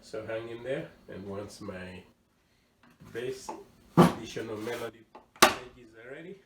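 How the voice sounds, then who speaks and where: A man from southern Georgia, USA, with a Georgia accent hosts a home cooking show, casually walking through a recipe. His mid-range voice is expressive and a little slow, and he repeats words for emphasis. A distant mic in his home kitchen picks up echo and a noisy background.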